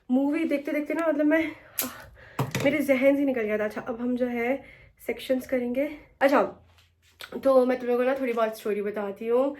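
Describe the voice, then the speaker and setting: Chatty high-voiced young woman vlogger. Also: darkish tone. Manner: chatty, mixes English into her talk. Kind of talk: casual vlog chat. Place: home, getting ready.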